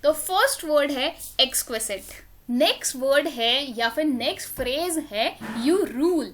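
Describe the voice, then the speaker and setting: A woman's voice: high-pitched, expressive, a bit bright, slight background noise. A woman with an Indian accent teaching English vocabulary, explaining each word step by step and mixing Hindi with English. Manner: explains slowly, switching between Hindi and English. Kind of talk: vocabulary lesson.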